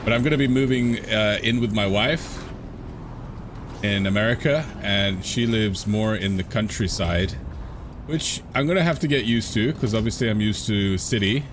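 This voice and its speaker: Live-streaming a game, this Londoner chats casually with viewers in a voice on the low side at a moderate pace, with noise in the background. He laughs a lot and circles back over his words while thinking out loud.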